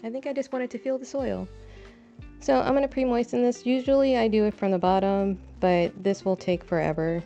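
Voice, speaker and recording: A young woman streams from her home balcony while planting seeds, chatting casually in a rambling, self-deprecating way. Her voice is a little high and warm, brisk, with fairly even intonation. Her braids brush the desk mic, and the dull lo-fi sound carries faint music.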